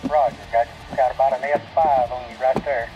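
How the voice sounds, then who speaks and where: A man's voice: medium pitch, fairly even intonation, a little fast, heavy background noise. A man with a ham operator's terse on-air phrasing, heard through a two-way radio speaker. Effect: heard over a two-way radio. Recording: muffled radio speaker audio.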